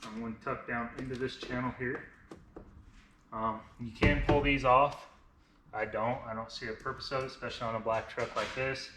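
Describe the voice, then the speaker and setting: A man in his thirties talks through a how-to in an informal, unscripted way, his speech slightly lisped by braces. His voice sits at an ordinary male pitch. It is recorded in an echoey garage workshop, with clear noise and clicks behind him. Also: fairly even intonation, moderate pace. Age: 30s. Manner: informal, explains each step as he works. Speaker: vinyl wrap installer, presenter of a how-to video. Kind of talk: casual hands-on tutorial narration. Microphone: camera on a tripod, a short distance away.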